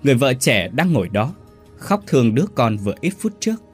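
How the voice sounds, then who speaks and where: A man narrating a horror story in a dramatic, expressive way. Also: mid-range voice, a little fast, breathy edge, soft background music.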